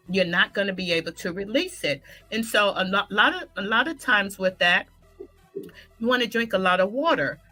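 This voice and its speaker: Fitness lady on a podcast, bright voice, energetic, lots of restarts, faint music behind. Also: medium pitch. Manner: energetic, talks through restarts and self-corrections. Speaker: fitness trainer guest. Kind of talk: casual interview talk.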